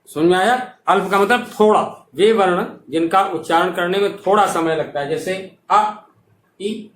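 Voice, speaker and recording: A man teaching a classroom grammar lecture, dictating definitions slowly and checking that students follow. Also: sits high. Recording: echoey room, voice from far off mic.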